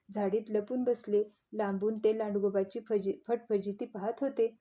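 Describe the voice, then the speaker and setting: Woman telling a kids story, soft mellow dark voice, gentle. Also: mid-range voice. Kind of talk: scripted children's story narration.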